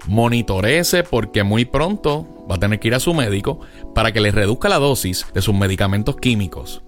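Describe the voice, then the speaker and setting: Man, doctor guest, low voice, animated delivery, authoritative explanation. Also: brisk, soft background music. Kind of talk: scripted product explanation.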